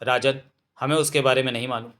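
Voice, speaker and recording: A man's voice: mid-range voice, fairly even intonation, quick pace, fairly bright tone, lightly acted. A man voicing an anxious village mother who scolds her son, in a storybook reading. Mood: pleading.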